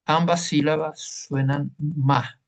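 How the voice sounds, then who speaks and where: A man's voice: on the high side, steady tone, slow pace, creaky. A man teaching a Hebrew class online, explaining patiently and checking in with listeners as he goes.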